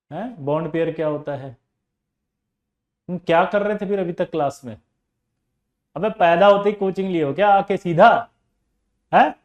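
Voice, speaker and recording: A man's voice: fairly high pitch, a little mellow. A male chemistry coaching teacher, lecturing, teasing and scolding students while explaining with examples. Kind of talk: classroom lecture.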